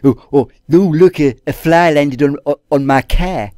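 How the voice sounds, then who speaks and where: A man putting on the voice of an excitable person who gushes over trivial things, drawn out and mock-gushing. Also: on the high side, a little slow, dry recording, clean studio sound, natural voice. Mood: mock awe.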